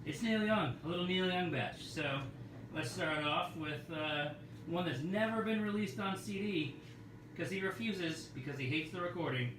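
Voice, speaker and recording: A man hosting a live record-store showcase, pitching albums in a loose, joking, sometimes profane patter. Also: moderate pace. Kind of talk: casual live product showcase. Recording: roomy, distant mic with faint noise.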